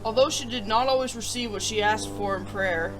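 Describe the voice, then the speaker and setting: Over music and through a rough recording, a woman with a slightly high voice talks briskly. As the presenter of a children's story-time program, she reads picture books aloud and gives them upbeat, theatrical reviews.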